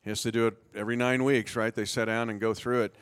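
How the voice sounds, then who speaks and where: A man's voice: mid-range voice, little pitch movement, quick pace, clear, resonant tone. A middle-aged man co-hosting a sports radio show, folksy and joking as he talks to a live audience. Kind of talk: casual sports chat.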